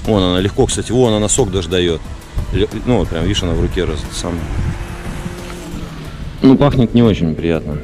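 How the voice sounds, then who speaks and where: A man's voice: sits low, animated, fairly quick, long pauses. A man chatting enthusiastically and casually while walking around an outdoor jungle site, with lots of fillers. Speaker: vlogger touring a building site. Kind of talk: casual walk-and-talk. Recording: loud music over the voice.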